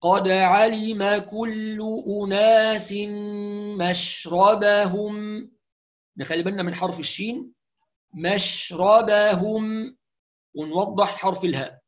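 A man with an Egyptian accent teaching Quran recitation rules, explaining in colloquial speech and reciting examples slowly and carefully. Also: high-pitched, fairly even intonation. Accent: Egyptian Arabic. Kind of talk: tajweed lesson with recited examples.

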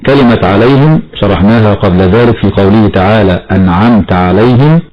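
A man teaching Quran recitation rules in a measured, explanatory way, chanting short verses slowly as examples. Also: lowish voice. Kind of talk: tajweed lesson with slow recited examples. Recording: dull lo-fi broadcast audio.

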